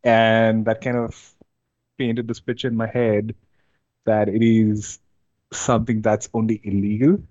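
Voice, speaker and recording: Young guy from india, laid back and hesitant, kinda low dull dry sound. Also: a little slow, no room sound. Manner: relaxed, hesitant, many fillers and restarts. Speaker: interview guest, amateur drifter. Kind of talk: casual interview chat.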